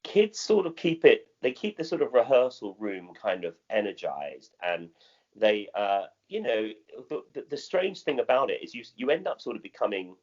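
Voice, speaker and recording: This middle-aged man, a theatre director with a modern British accent, fields interview questions in a halting, conversational way, repeating himself and reworking his phrasing. He sounds very animated, with a medium-pitched, slightly mellow voice, though the recording is muffled.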